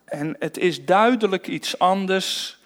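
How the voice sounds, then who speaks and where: Slow, earnest preacher. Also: male voice, sits high, a bit bright. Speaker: pastor. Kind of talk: sermon. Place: church.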